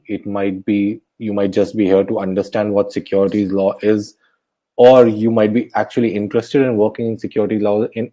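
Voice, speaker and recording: Guest lecturer, young, mellow and lowish, soft-spoken, explains carefully, restarts sentences. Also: male voice, poor audio. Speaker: guest speaker. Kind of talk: webinar lecture.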